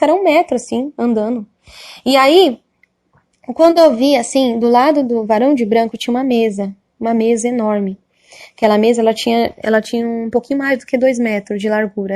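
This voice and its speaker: Brazilian woman, religious testimony, earnest and repetitive, slightly high voice. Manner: earnest, repetitive, hesitant retelling. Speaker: testimony speaker.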